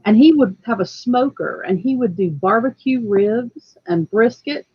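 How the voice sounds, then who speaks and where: A woman's voice: fairly high pitch, expressive, measured pace, breathy edge, no echo. Chatty woman over dull, dry call audio. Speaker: radio club member calling in. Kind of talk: casual chat.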